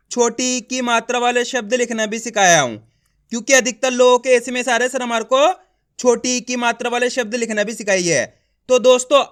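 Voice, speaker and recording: A man's voice: very high voice, a bit bright, clear, resonant tone. A man teaching an online class on reading and writing, patiently drilling syllables one by one and often checking that viewers understand. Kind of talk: online class, explaining and repeating.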